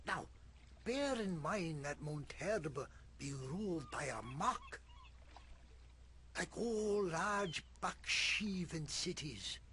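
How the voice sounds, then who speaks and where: An actor playing a gruff old fisherman in a video game, a grumpy storyteller with rustic sailor speech and a soft, relaxing voice. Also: a little high, big pitch swings, slow, noisy background. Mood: reminiscing. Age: older. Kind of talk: video game character acting.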